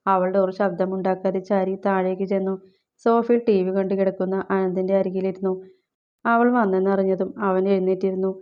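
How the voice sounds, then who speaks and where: A woman reading a scripted story aloud as narrator, in a steady, unhurried manner. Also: medium pitch, lo-fi sound.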